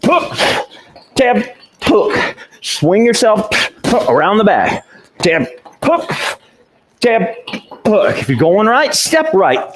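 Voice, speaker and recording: Punchy male boxing coach hitting a bag. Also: high-pitched. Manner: short punchy cues in rhythm while hitting a punching bag; exerting himself, with grunts and puffed exclamations. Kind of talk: calling out punch combinations during a live workout.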